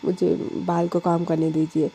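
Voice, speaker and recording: A woman's voice: fairly low pitch, monotone, moderate pace, creaky, mellow, a little hiss or hum. A woman voicing a shy, reluctant young woman. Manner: hesitant, shy, mildly protesting.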